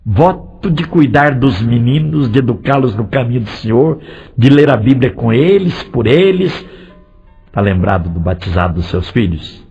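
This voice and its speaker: A male pastor preaching a lively sermon, firing direct questions at the congregation and swinging between loud and soft delivery. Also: mid-range voice, moderate pace, breathy edge. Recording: dull lo-fi recording with faint music.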